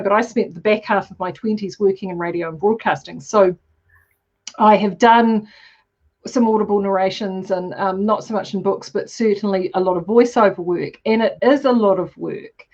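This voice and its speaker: A woman speaks in a broad New Zealand accent at an average pitch. She hosts a casual, wordy online conversation, circling back and repeating herself. The sound is slightly muffled and lo-fi. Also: normal speed, a little mellow. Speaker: interviewer and host.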